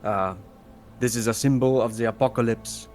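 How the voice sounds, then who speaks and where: A man playing a tabletop game, speaking in a slow, measured way. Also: mid-range voice, steady tone, darkish tone, faint music behind. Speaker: player. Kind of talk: casual tabletop play.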